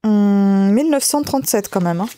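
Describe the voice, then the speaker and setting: A woman's voice: medium pitch, expressive, normal speed, mellow, slight background noise. A woman chatting casually while sorting and cleaning old books, thinking aloud and tagging sentences with little asides. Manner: chatty, thinking aloud while handling items, frequent "hein". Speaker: vlogger sorting books from bulky-item collection. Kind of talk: casual running commentary.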